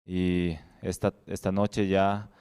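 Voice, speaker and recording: A male evangelist leads a church service in a very deep, smooth voice. His delivery is flat and even, earnest and steady as he preaches. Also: slow. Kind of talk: sermon.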